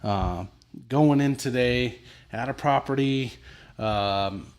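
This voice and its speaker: Co-host da podcast, uomo di mezza età, racconta storie volgari e scherzose imitando le voci dei personaggi. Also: male voice, mid-range voice, slow, clean tone. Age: middle-aged. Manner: crude, joking storyteller who acts out voices. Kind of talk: casual livestream chat.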